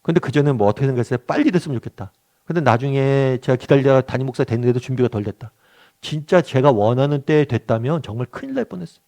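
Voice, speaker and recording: A man's voice: medium pitch, fast talker, warm tone. A middle-aged male pastor leading a weekly Bible study, talking conversationally, asking the group questions and acting out quotes. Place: church meeting room.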